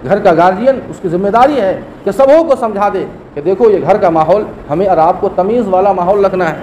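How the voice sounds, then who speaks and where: Man, mufti preacher, Friday sermon, emphatic repetition, quick Arabic recitation, raised pitch. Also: darkish tone, slight background noise. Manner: emphatic, repeats key phrases, recites Arabic verses quickly.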